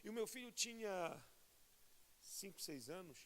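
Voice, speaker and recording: A Brazilian man preaching a fervent sermon as a pastor, swelling from soft to loud and often calling listeners "querido". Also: high-pitched, expressive, a little slow. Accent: Brazilian Portuguese. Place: large church sanctuary. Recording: long hall reverb in church.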